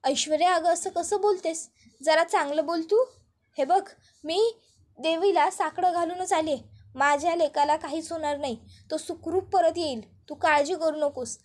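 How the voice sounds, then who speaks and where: A woman's voice: extremely high pitch, moderate pace, darkish tone, pitched above the performer's own voice. A woman voicing a grieving elderly grandmother who pleads tearfully over her missing son. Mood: worried.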